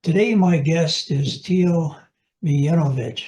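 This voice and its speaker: A man hosting an interview, welcoming his guest and asking polite, measured questions with a few fillers. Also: a little high, mellow, poor audio. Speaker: interview host.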